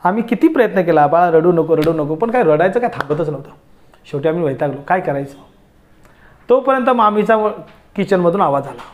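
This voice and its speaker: High-voiced man teaching essay writing. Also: fairly quick. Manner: lively, addresses students directly with rhetorical questions.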